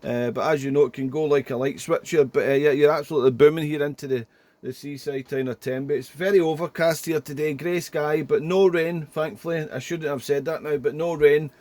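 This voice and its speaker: A man's voice: a little high, steady tone, a little fast, darkish tone, no room sound. A man chatting casually as a ham radio operator, rambling and repeating himself. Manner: rambling, repetitive, often ending phrases with "there". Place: small indoor home radio room.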